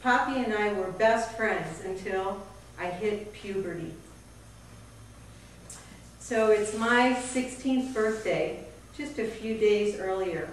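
A woman's voice: medium pitch, slow, pauses often, heavy reverb, far from the mic, a little hiss or hum, rough recording. A woman telling a personal family story on stage, acting out the voices of her relatives. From Miami area. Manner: vivid storytelling, acts out quoted family members.

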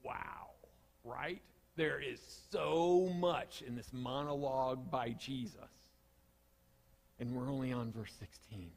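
A man's voice: medium pitch, slow, creaky, in a large hall. A male pastor with a Southern accent preaches a sermon with emphasis, repeating his key phrases.

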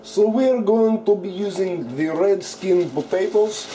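A man's voice: high voice, unhurried, mellow, soft background music, pitched above the performer's own voice, poor audio. A man doing a put-on Russian accent as a joking farm-boy cook while hosting a cooking tutorial, dropping articles and swearing casually. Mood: deadpan joking. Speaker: cooking show host.

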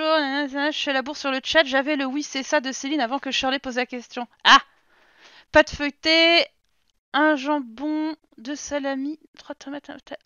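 A woman's voice: sits high, sharp tone, smooth, no echo, muffled recording. A young woman casually commenting while she streams a life-sim game, chatty and scolding her game characters in mock outrage.

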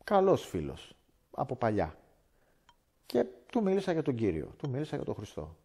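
A man from Greece giving a personal faith testimony as a guest speaker, animated and acting out conversations. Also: mid-range voice, gravelly, husky. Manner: animated, acts out dialogue in voices.

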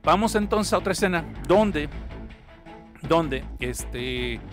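Fast, bright-voiced Mexican man joking. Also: sits high. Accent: Mexican Spanish. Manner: crude, joking, rambling, self-correcting. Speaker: podcast host. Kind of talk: casual livestreamed movie recap.

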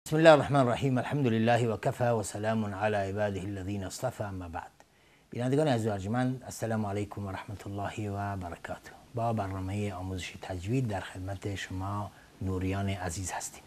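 Guy teaching quran recitation on tv, low voice, slow careful formal talk with lots of uhs. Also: fairly even intonation, a little mellow. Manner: measured, formal, frequent hesitation fillers. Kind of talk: televised religious lesson. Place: TV studio.

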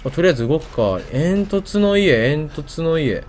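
Casual male game streamer, Kansai accent, highly varied intonation, thinks aloud, faint noise behind. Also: sing-song, moderate pace, a little mellow. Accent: Kansai Japanese. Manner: thinks aloud in short questions and mutters to himself. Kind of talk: casual gameplay commentary.

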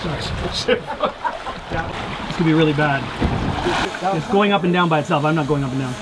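A man's voice: on the high side, normal speed. A man on a boat deck calling out urgent instructions while bringing a drone in to land. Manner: tense, urgent coaching. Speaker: drone pilot crew member. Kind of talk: excited instructions. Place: deck of a catamaran at sea, outdoors. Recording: loud wind and boat noise.

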